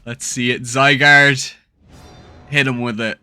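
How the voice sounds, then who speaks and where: Bright-voiced excitable young man gaming. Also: mid-range voice, slow pace, clear, resonant tone, no echo, faint music behind. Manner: excitable, emotional reactions to the game. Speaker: gaming YouTuber. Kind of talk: gameplay commentary and recap narration.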